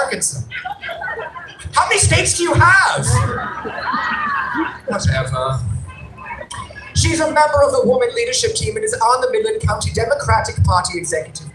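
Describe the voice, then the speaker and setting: Brief: woman rally emcee, put-on British accent, playful self-mocking asides, high lively voice, echoey outdoor PA. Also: noisy background. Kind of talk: joking speaker introduction.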